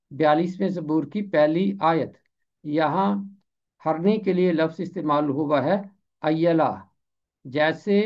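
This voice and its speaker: A man's voice: fairly high pitch, highs cut off. A man teaching the pronunciation and meaning of words, saying each term carefully and repeating it for clarity. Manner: deliberate, repeats each word slowly for clarity. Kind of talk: explanatory lesson on word pronunciation.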